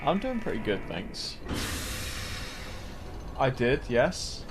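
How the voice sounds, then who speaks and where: Playful, slow-talking male streamer. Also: mid-range voice, very animated, noisy background. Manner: playful, laughs often. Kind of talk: casual gaming stream chat.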